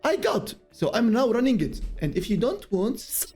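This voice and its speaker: A man hosting a streamed podcast in casual chat, halting and restarting with non-native phrasing. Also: very high-pitched, sing-song, a little mellow, slightly rough, soft background music. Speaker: podcast host.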